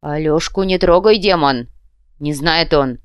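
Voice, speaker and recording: A woman voicing a stern, dying old male monk who speaks slowly and curtly. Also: lowish voice, very animated, gravelly, darkish tone, dry recording, muffled recording, pitched above the performer's own voice, heavily acted. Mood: desperate. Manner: slow, weighty, curt speech. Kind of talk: audiobook character reading.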